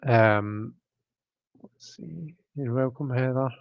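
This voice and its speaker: A livestream host with a medium-pitched, gravelly voice speaks slowly, chatting casually and reading chat while rambling with many fillers and restarts as his throat keeps catching. The recording sounds dry and muffled.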